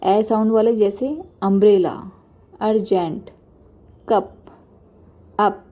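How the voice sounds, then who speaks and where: Young female teacher, very slow and deliberate delivery, dark mellow tone, patient beginner phonics lesson. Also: mid-range voice, fairly even intonation. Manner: slow, patient, spells out letter sounds with example words. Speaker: English teacher.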